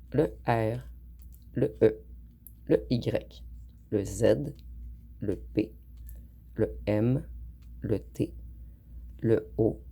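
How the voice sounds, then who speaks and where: A woman giving a calm, unhurried tarot card reading, speaking directly to her viewers. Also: rumbling low, slightly rough. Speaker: tarot reader.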